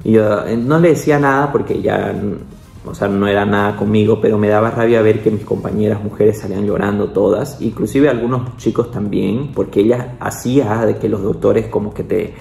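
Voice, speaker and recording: A young man with a low, warm voice, chatting casually as he recounts a story to the camera. His speech is loose and conversational, full of small tag questions and asides. The sound carries a roomy echo. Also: steady tone, brisk, creaky. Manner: chatty, peppers speech with "¿no?" and "o sea"; acts out quoted voices, with the pitch jumping up. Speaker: doctor.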